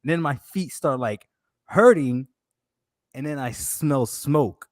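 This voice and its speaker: A man's voice: medium pitch, lively intonation, slow, no room sound, studio quality. A man casually telling a long date story, animatedly acting out his own quotes in a raised voice.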